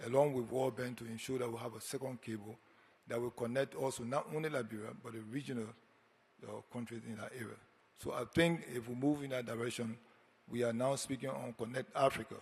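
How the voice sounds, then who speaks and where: A man speaking slowly and deliberately as a panelist. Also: mid-range voice, gravelly, a little mellow, husky. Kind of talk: panel discussion answer. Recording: reverberant conference hall.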